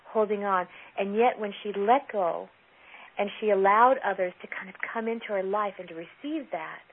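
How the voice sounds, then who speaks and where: A woman podcast host who speaks warmly and affirmingly to her guest and her listeners. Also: medium pitch, breathy edge. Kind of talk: interview host reflection. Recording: tinny phone-line audio.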